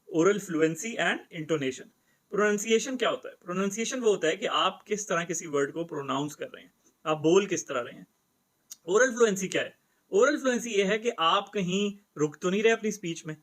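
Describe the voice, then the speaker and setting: A man's voice: on the high side, fairly bright tone, low-quality recording. A young man from Pakistan, teaching a test-prep lesson and switching between Hindi-Urdu and English. He explains step by step and asks himself questions before he answers them.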